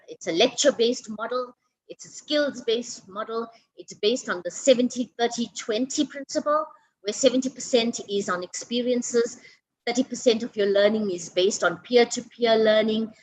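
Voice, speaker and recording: A South African woman delivers a webinar lecture over a video call. Her words come fast, with frequent restarts and repeated words, and she often checks in with "okay?". The pitch sits in a middle range for a woman. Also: low-quality recording. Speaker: webinar speaker.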